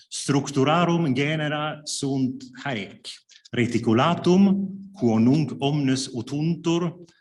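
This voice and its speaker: With a medium-pitched voice, a man whose native tongue is Swedish gives an academic lecture read from a written paper. He's careful and measured throughout, though hesitation fillers crop up often.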